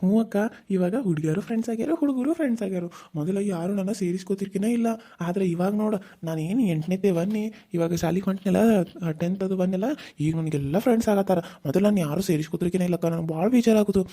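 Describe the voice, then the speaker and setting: A woman's voice: medium pitch, fast talker, warm tone, natural voice. A woman voicing an eager, chatty young schoolboy in a cartoon serial. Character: cheerful young schoolboy, little brother.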